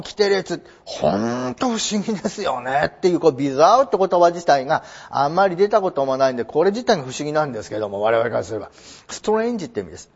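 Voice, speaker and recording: A man teaching English in a lively lecture, his high voice leaping up and down as he stresses points. His tone is husky, and the recording sounds muffled and lo-fi. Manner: animated, emphatic explaining; reads English slowly. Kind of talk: lecture explaining an English passage.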